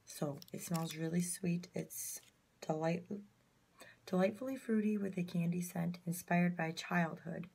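A woman's voice: lowish voice, gravelly, a little mellow, slightly rough. Chatty young woman vlogging by phone. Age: young adult. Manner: chatty, rushed, drops into whispers. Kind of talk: casual vlog chat. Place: home bedroom, indoors. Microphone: phone at arm's length.

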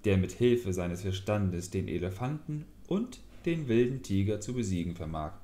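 A man voicing a small, clever male leech in a fairy tale who speaks calmly and lectures. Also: fairly low pitch, moderate pace, lightly acted. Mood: lecturing. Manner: calm, lecturing, mildly scornful.

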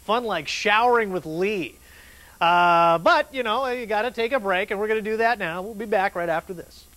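A man's voice: sits high, moderate pace, sharp tone, no room sound, low-quality recording. An American man presenting a comedic television special as its host. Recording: faint noise on old videotape.

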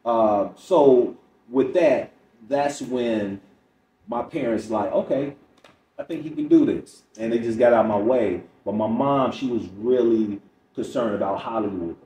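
This Chicago-born American man, middle-aged, does stand-up and is guesting on a podcast, spinning conversational stories and re-enacting bits of dialogue. He speaks unhurriedly at a medium pitch with a dark tone. Faint noise and a roomy, far-off mic color the recording.

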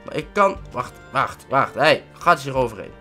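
A man with a Dutch accent doing excitable let's-play commentary, swearing and yelping at every mishap. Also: mid-range voice, normal speed, faint music behind. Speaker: gaming let's-play host.

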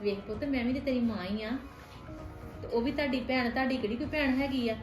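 A woman playing a gentle, pleading stepmother. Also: fairly high pitch, fast talker, natural voice. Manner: soft, coaxing, affectionate pleading. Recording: roomy room with faint music.

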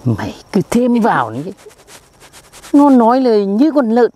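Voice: medium pitch, wildly swooping pitch, normal speed, warm tone. A performer playing a boastful, dim-witted old village man, who answers back in a blustering, defensive way.

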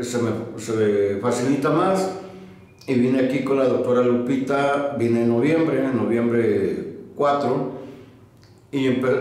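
A man's voice: mid-range voice, darkish tone. A man in his sixties, a patient telling his story in an interview, hesitant with many fillers and restarts, recorded in a small medical office. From Mexico. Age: 60s. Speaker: patient giving a testimonial. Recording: echoey small room, faint noise.

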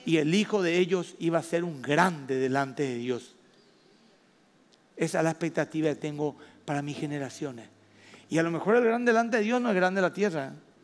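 A man with a Paraguayan Spanish accent preaching a sermon as pastor, stressing words slowly and rising loud at his high points. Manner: emphatic preaching with slow drawn-out stresses and sudden loud rises. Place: church hall. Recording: long reverb of a church hall.

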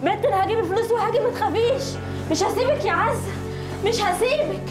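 A woman's voice: very high voice, quick pace, roomy sound, loud music behind the voice. An actress playing a poor Egyptian mother who anxiously pleads for her sick daughter. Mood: frantic. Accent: Egyptian Arabic.

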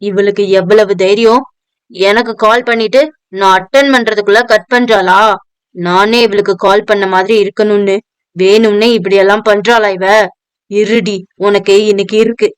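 A woman's voice: mid-range voice, fairly even intonation, normal speed, clear, resonant tone, no echo, natural voice. A woman voicing a drunk, arrogant young man who is possessive and self-pitying, in an audio novel. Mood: jealous, irritated. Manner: slurred, bossy, self-pitying. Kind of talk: audio novel dialogue reading.

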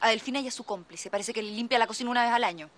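A woman plays a proud, curt woman of the house in a telenovela, snapping her lines quickly in a high voice. She scolds and cuts people off. A faint hiss sits under the speech. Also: a bit bright, lightly acted. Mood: smug. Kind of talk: telenovela acting.

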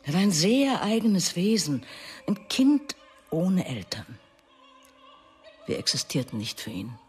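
In an intense radio drama monologue, an actress plays a bitter, wounded middle-aged mother talking about her estranged son, shifting between hushed and emphatic. Her fairly low, slightly rough voice moves in a sing-song way and takes its time, heavily acted and sorrowful, with faint music behind.

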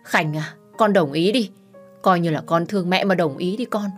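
A bitter middle-aged mother, put on by a woman storyteller, scolding her daughter in a loud, high, strained voice that breaks into wailing. Soft music plays faintly underneath the storybook reading. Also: lively intonation, a little fast, natural voice. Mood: pleading. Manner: shouting, scolding, lamenting.

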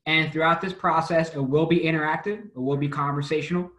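A man's voice: fairly high pitch, fairly even intonation, quick pace, a bit bright, reverberant. A man hosting and moderating a panel discussion over a video call, in a friendly, conversational way. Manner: upbeat, conversational. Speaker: webinar host.

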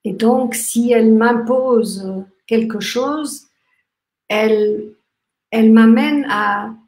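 Speaking live online about gratitude, a workshop host in her fifties, an Austrian woman whose native tongue is German, talks slowly and gently over her webcam in a fairly high voice. She pauses, restarts, and uses lots of fillers as she reflects, gesturing lively with her hands. Her small indoor room gives the audio an echo.

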